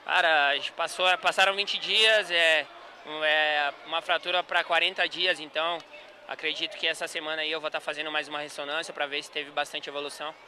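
A male futsal player answering post-match questions on the gym court. His voice is high and very bright, with an earnest, measured delivery that keeps coming back to reassurance. A faint hum of the gym stays behind him. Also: little pitch movement.

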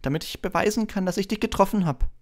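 A man's voice: high-pitched, fast talker, pitched above the performer's own voice, lightly acted. A man voicing an eager, breathless young schoolboy who gushes and stumbles over his words in an audiobook reading.

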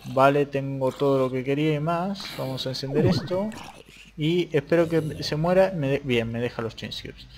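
A young Argentine man talking casually over a modded Minecraft game, jumping between quiet mutters and excited yelps. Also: mid-range voice, normal speed, background noise. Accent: Argentine Spanish. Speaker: gaming youtuber. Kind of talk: casual Minecraft let's play commentary.

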